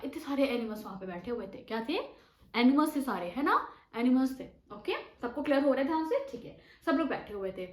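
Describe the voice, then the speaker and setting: A woman giving a mock lesson to imagined young students, animated, asking questions and answering them herself. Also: fairly high pitch, reverberant, rough recording. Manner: imitates animal sounds. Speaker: teacher giving a demo lesson.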